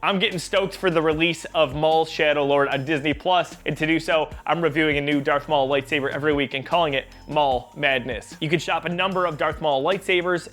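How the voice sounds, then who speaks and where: A man's voice: on the high side, a bit bright. A man hosting his own channel, giving a casual, enthusiastic and jokey product review.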